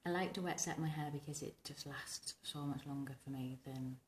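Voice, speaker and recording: Hoarse from tonsillitis she is still getting over, a woman in her thirties who vlogs about vintage hairstyling chats ramblingly to camera at normal speed. Her husky, rumbling, smoky voice keeps a fairly even intonation. The small bedroom sounds echoey and the background is noisy.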